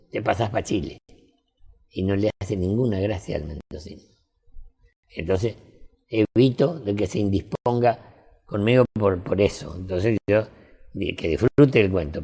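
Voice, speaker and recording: An older man with an Argentine accent, telling folksy anecdotes in a relaxed interview chat. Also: low voice, gravelly. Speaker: storyteller.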